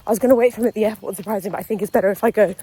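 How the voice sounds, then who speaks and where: A woman's voice: medium pitch, very fast, mellow, husky, rough recording. A woman, vlogging in a casual, chatty way and swearing freely. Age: 30s. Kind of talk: casual vlog talk to camera.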